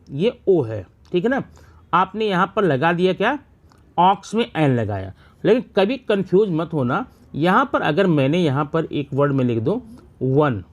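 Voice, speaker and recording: A male teacher explaining a grammar lesson step by step, asking questions and answering them himself. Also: fairly high pitch.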